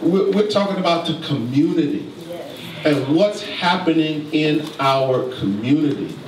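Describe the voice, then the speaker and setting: Man pastor, preacherly call-and-response, slightly high voice, distant mic in echoey church, noisy. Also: lively intonation. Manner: preacherly, slow emphatic asides, prompts the congregation. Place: church sanctuary.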